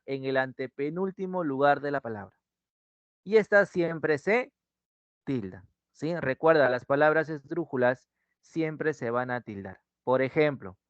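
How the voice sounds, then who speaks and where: Speaking at a fairly high pitch with a Peruvian Spanish accent, a man runs an online language class, stretching his words and checking on students with "¿no?" and "ujú". His audio comes from a dry close mic with no room sound, and it sounds dull and muffled.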